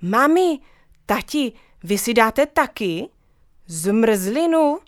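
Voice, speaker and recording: A woman voicing a lively young boy who calls out with excitement. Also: on the high side, no echo, studio quality. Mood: puzzled. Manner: excited, shouting.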